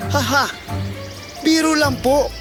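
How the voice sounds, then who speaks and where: A storyteller voicing a mischievous young shepherd boy who shouts for help in a children's storybook. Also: high-pitched, slow pace, music in the background, voice pushed up. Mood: teasing.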